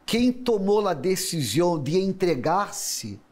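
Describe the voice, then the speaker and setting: A bishop with a strikingly high voice guides a church testimony. He prompts briefly and sums up the story slowly and with weight. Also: sing-song, a little mellow. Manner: prompting, slow and emphatic summaries. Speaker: bishop interviewer.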